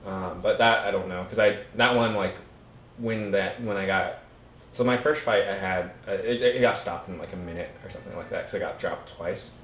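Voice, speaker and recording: A man's voice: low-pitched, normal speed, a bit bright, roomy sound, a little hiss or hum. A man in casual podcast chat, speaking hesitantly with many fillers as he recounts a concussion.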